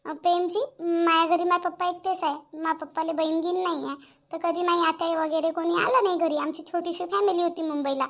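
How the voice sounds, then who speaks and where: A very high-pitched young daughter-in-law. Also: female voice, steady tone, fairly quick, fairly bright tone, lo-fi sound. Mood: explaining. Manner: pleading, earnest. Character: young daughter-in-law, polite but standing her ground. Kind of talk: cartoon voice acting.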